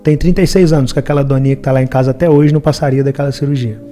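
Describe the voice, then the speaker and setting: A man's voice: mid-range voice, steady tone, racing, mellow, soft background music. A middle-aged man from Minas Gerais, Brazil, with a Minas Gerais accent, telling a personal story in an earnest, reflective way during an interview. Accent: Brazilian Portuguese, Minas Gerais.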